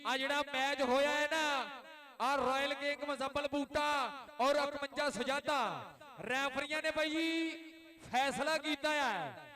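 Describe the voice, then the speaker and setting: A man with a Pakistani Punjabi accent giving loud, exclamatory, repetitive rural sports commentary as an announcer. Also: extremely high pitch, fairly even intonation, unhurried. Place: outdoor village kabaddi ground. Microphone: live commentary microphone. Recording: loud outdoor crowd behind PA commentary.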